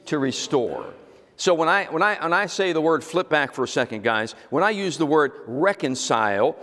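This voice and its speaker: A man's voice: a little high, a bit bright, long reverb tail. A male pastor preaching a teaching sermon. He repeats key words and asks the congregation to answer him.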